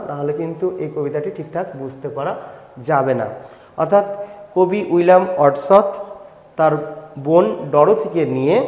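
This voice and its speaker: A man's voice: a little high, a little mellow, roomy sound, big-room sound. A man with a Bengali accent, teaching a poem line by line, explaining patiently and step by step to students.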